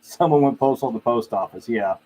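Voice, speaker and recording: Brisk and a little mellow, a man's medium-pitched voice carries a casual livestream as he talks with viewers. He's the host, chatting in an opinionated, anecdotal, conversational way, and the live audio is clearly noisy.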